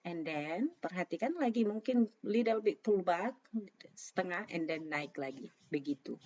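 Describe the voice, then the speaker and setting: A woman with a raspy voice, hoarse from a sore throat, casually talking through trading analysis and mixing in English phrases. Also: fairly low pitch, expressive, a little slow, dark tone. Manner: informal, mixes English phrases into talk. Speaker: trader presenting market analysis. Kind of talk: casual spoken chart commentary. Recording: dull, lo-fi microphone sound.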